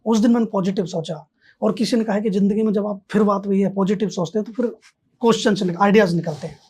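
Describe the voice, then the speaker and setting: A man's voice: sits high, fairly even intonation, quick pace, a little mellow, breathy edge. A man, a podcast guest, telling a story in casual conversation and acting out both sides of the dialogue.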